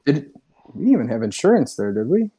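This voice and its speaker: A man's voice: mid-range voice, sing-song, fast talker, mellow. A man chatting casually as a podcast co-host, with a laid-back, easygoing way of talking and some cursing. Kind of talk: casual chat.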